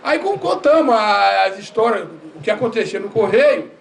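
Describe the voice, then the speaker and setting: An older man, a former postal worker, telling lively stories at a seminar, acting out dialogue and often laughing. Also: sits high, moderate pace, vocal fry. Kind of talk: storytelling talk at a seminar. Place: university seminar room. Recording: distant mic, faint room noise.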